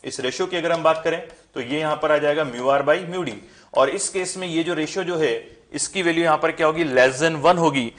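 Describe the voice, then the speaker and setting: A man's voice: fairly high pitch, moderate pace, a bit bright. A young man teaching a physics lesson, posing questions to the class and answering them himself. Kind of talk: classroom lesson explaining at a board.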